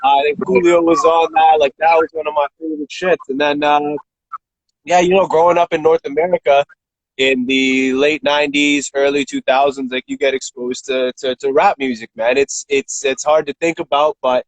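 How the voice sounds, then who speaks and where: A man's voice: a little high, fairly even intonation, moderate pace, no echo, low-quality recording. Laid-back man with a dry sound. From Russia. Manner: laid-back, swears freely, lots of "like" and "man". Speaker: rapper, interview guest. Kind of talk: casual interview chat.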